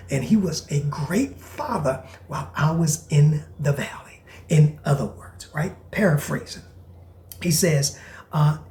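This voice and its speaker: A man hosting a podcast in a preacher's style, reading aloud and commenting with emphatic repetition and sudden hushed whispers. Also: a little high, reverberant. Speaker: podcast host.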